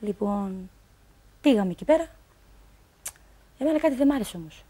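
A woman's voice: mid-range voice, expressive, mellow, slightly rough. A woman telling a personal story on a talk show, rambling along, quoting what others told her and filling gaps with stock phrases.

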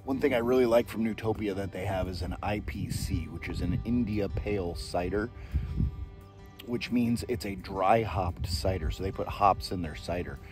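On a boat out on a lake, a fishing vlogger chats casually while sampling drinks, his low-pitched voice moving at a normal speed over soft background music. His tasting commentary stays relaxed and laid-back, the easy talk of an outdoor vlog.

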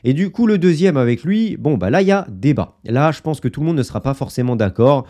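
Speaking animatedly at a quick pace, a man with a warm, medium-pitched voice gives casual football analysis to camera. As a YouTuber, he chats his opinions to viewers with plenty of fillers and asides.

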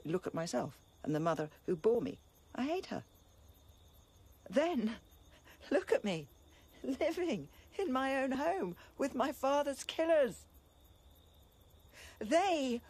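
An actress plays a young princess in a classical stage tragedy, full of bitter grief, mixing low laments with sharp, impassioned outbursts. Her female voice is slightly rough and exaggerated.

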